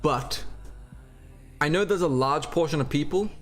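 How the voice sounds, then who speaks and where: An Australian-accented man with roots in Turkey and Australia hosts a casual livestream, chatting informally and swearing now and then. His voice sits fairly high, his pace is moderate, and soft music plays in the background.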